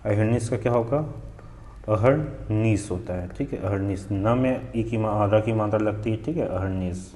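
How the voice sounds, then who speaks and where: A Hindi teacher from Chhattisgarh with a regional accent drills exam spellings, asking questions and answering them himself. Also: male voice, fairly low pitch, normal speed, mellow, reverberant, slight background noise. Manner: repetitive drilling, asks then answers himself. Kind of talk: spelling lesson for exam students.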